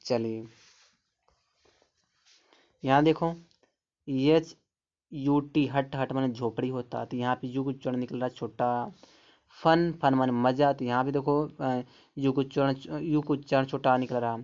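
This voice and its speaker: A man giving an English phonics lesson, slowly sounding out and repeating words, patiently explaining each one. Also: mid-range voice, steady tone, darkish tone. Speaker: English teacher. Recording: dull lo-fi sound.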